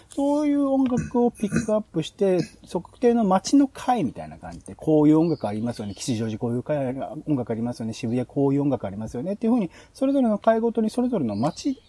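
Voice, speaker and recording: This podcast host has a slightly high, husky voice with a warm tone. He explains show ideas in a relaxed monologue, musing out loud through long sentences that drift from one thought to the next.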